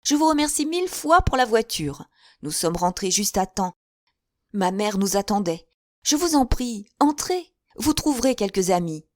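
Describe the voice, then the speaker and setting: A woman's voice: mid-range voice, big pitch swings, normal speed, dry recording, clean studio sound, voice pushed up, close to an everyday voice. A woman voicing a chattering, effusive older spinster who gushes in breathless run-on talk. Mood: gushing.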